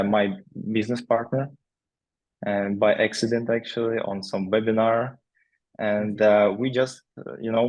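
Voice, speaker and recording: A man's voice: fairly low pitch, a little mellow, muffled recording. A man, a podcast guest casually and reflectively telling his story, with many "like" and "you know" fillers. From Ukraine. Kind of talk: casual interview talk.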